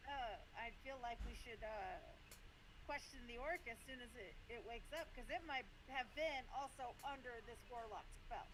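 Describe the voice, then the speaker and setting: A woman's voice: on the high side, moderate pace, background noise. A woman playing a character in a streamed tabletop game, teasing and dry. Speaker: player.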